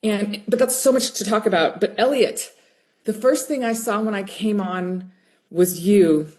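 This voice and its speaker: A woman's voice: mid-range voice, a little slow, mellow. A woman teacher on a video call, talking in a rambling, raw and heartfelt way. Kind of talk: emotional casual chat.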